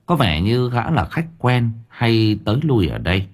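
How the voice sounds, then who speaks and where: Man, audiobook narration, husky, animated delivery. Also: mid-range voice, measured pace. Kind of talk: scripted story narration.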